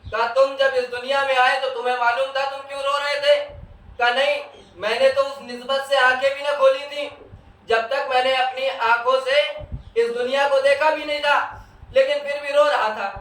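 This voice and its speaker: A man with a North Indian Urdu accent gives a majlis sermon in a strikingly high voice. He asks his listeners questions and answers them himself, and tells stories through quoted exchanges. He is heard from some distance in a large, echoing hall. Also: little pitch movement, a bit bright. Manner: tells stories with quoted back-and-forth dialogue. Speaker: zakir, religious speaker at a mourning gathering. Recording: echoey hall, voice heard from far.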